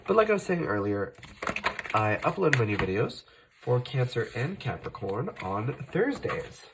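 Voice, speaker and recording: Over a noisy background, a tarot-reading channel host with a slight cold talks viewers through a casual reading to camera, now and then coughing. His medium-pitched voice swings widely in pitch at a moderate pace, and his chatty delivery is packed with "uh" and "like" and frequent mid-sentence self-corrections.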